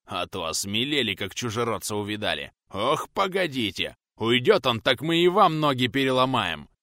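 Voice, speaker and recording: A man voicing a bearded village craftsman, a blustering bully who turns shrill and whining in rustic speech. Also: sing-song, moderate pace, sharp tone, dry recording, studio quality. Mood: sneering threats.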